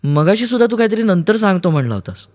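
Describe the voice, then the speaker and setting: A man's voice: big pitch swings, quick pace, darkish tone, no echo, poor audio. Man putting on a frightened young woman's voice. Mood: anxious. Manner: fearful, teasing, high and pleading. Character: anxious young woman in a sinking boat. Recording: sea waves behind voice. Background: ocean waves sound effects.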